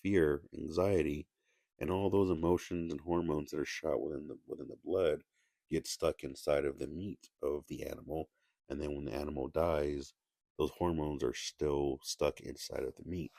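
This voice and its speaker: A man giving casual solo commentary in a halting way, with many restarts and fillers, keeping his voice down. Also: rumbling low, steady tone, gravelly, warm tone, no echo, studio quality. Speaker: video essayist.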